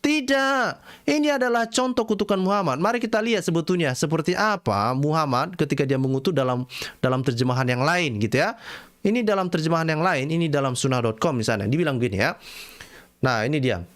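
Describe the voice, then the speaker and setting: A man's voice: fairly high pitch, expressive, fairly quick, fairly bright tone. A man giving casual, mocking commentary while reading texts aloud, full of fillers, repeated words and slangy asides to viewers. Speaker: online religious critic presenting texts.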